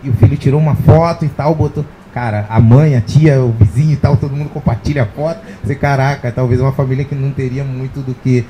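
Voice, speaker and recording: On an indoor event stage with a sponsor backdrop, a man who leads a social project speaks earnestly into a handheld mic during a panel discussion. His mid-range voice stays fairly even and moves fast with few pauses, rambling with many fillers. Background noise is audible.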